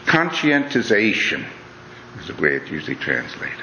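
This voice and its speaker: A man's voice: low voice, wildly swooping pitch, moderate pace, bright, forceful tone, a little hiss or hum. A middle-aged man giving an earnest, conversational talk, often saying "you know" and restarting his phrases. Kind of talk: reflective lecture to an audience. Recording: dull lo-fi recording in a reverberant hall.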